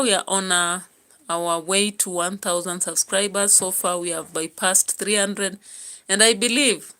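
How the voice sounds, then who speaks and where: A Kenyan woman hosts a YouTube channel of casual political commentary, chatting and musing aloud with frequent fillers. Her voice is mid-range and a bit bright.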